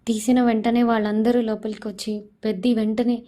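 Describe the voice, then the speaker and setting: Woman retelling a serial, fairly high voice. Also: level tone, a little fast, warm tone. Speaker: serial recap narrator.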